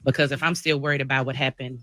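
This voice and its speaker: A man's voice: medium pitch, little pitch movement, quick pace, pushed and bright. A man speaking earnestly and reflectively as a guest on a show. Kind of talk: personal talk on a show.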